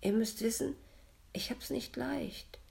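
A woman's voice: lowish voice, big pitch swings, slow, creaky, a little mellow, exaggerated voice. A woman voicing the ghost of a young girl, whiny, touchy and plaintive, in a read-aloud story.

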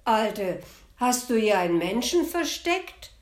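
A woman voicing a gruff, grumpy male devil in a spoken fairy tale, who barks loud outbursts and grumbles when he is woken. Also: on the high side, very animated, slow pace, voice pushed up.

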